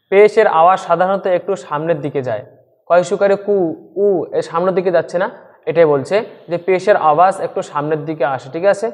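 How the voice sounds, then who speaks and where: A man teaching a Quran reading lesson online, explaining step by step and checking in with frequent questions, sounding out syllables slowly. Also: a little high, big-room sound. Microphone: screen-share recording with voice-over.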